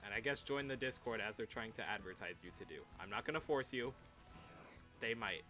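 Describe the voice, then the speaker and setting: Playful young male streamer, bright voice. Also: on the low side, fairly quick, soft background music. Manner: playful, chatty, reads chat aloud, frequent laughs. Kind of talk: casual livestream chat.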